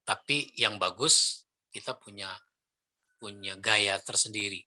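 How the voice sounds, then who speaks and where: A middle-aged man lecturing on preaching technique, lively and demonstrating intonation with spoken examples. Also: fairly low pitch, takes it slowly. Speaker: Islamic preacher trainer.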